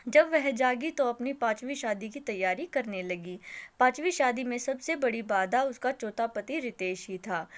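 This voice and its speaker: Brief: female storyteller, slightly high voice, dramatic scripted narration of a moral tale. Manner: dramatic storytelling, voicing every character herself.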